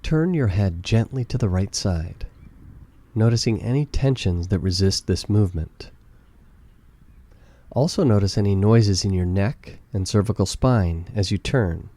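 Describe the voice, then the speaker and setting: In a low, very mellow voice, a man guides a meditation at a measured pace. He speaks calmly and gently, offering soothing instructions in a relaxed, warm tone.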